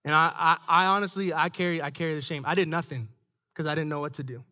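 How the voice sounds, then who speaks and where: A man's voice: on the high side, fairly even intonation, fast, bright, forceful tone. A man preaching a sermon to young adults, chatty and laughing at his own stories, then rising into an emphatic preaching cadence.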